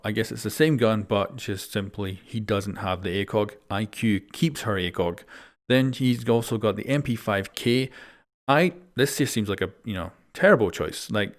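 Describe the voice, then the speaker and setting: A young man hosting a gaming news video, walking through patch notes in a chatty, informal way and thinking aloud as he goes. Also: lowish voice. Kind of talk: casual game update rundown.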